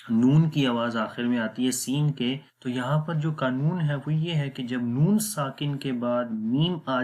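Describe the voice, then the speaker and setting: A man's voice: mid-range voice, a little mellow. Patient male Quran reading teacher. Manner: patient, repeats rules slowly and plainly. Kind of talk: step-by-step tajweed lesson.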